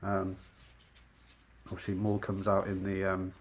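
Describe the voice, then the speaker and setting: Muffled, low, even-toned man in a mask. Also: measured pace. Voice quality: muffled through a dust mask. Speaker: rug cleaner presenting his own work. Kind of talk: casual explainer vlog. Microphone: speaking through a dust mask. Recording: clear background noise.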